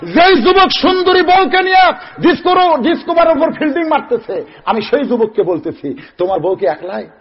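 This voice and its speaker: A man's voice: very high voice, animated, moderate pace, highs cut off. A man preaching a sermon in a singsong chant, asking the crowd rhetorical questions. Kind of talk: Islamic sermon (waz).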